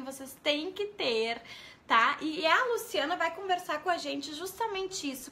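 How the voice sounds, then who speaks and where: Bright high-voiced Brazilian woman teacher. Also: a little hiss or hum. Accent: Brazilian Portuguese. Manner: asks viewers questions and greets them by name; spells out letters slowly and clearly. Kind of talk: live-streamed teaching talk.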